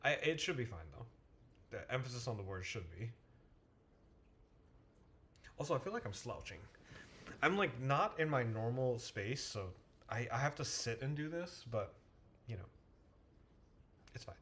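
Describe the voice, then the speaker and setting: A man's voice: medium pitch, big pitch swings, a little slow, long pauses, a bit bright, a little hiss or hum. A man who tutors math, talking casually to a livestream and thinking aloud, with frequent restarts and self-corrections. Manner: muttering to himself while waiting on the screen.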